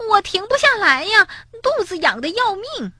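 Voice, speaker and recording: A woman voicing a timid, easily frightened big female rabbit in a children's storybook, in a shrill, panicky voice. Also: very animated, moderate pace, pushed and bright, no room sound, clean studio sound, exaggerated voice. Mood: panicked.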